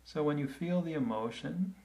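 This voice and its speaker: A man leading a guided meditation in a calm, gentle, unhurried way, with long pauses between phrases. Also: on the high side, low-quality recording.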